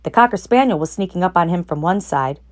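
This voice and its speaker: A woman with a fairly low-pitched voice reads a children's story aloud. She narrates expressively, as a storyteller. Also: lively intonation, fast, a little mellow. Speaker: narrator, read-aloud reader.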